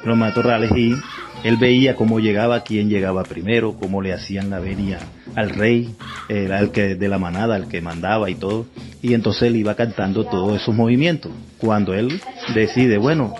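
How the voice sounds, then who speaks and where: A man from Colombia with a Caribbean coastal accent speaks in a somewhat low voice. He explains and recounts informally in an interview, over soft music. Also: normal speed. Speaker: folk dance group heir, interviewee.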